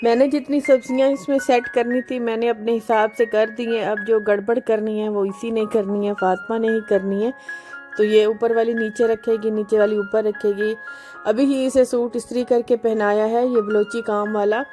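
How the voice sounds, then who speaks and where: A woman, chatting casually in a home vlog voice-over, unhurried and pausing often. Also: on the high side, flat delivery, dark tone, faint music behind. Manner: chatty, unhurried, with frequent hesitations. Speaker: home cooking vlogger.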